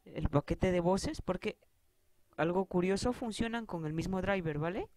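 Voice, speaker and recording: A man hosting a casual tutorial, calmly talking viewers through each step. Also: sits high, normal speed, dry recording. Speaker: tech tutorial host. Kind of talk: casual screen-reader tutorial.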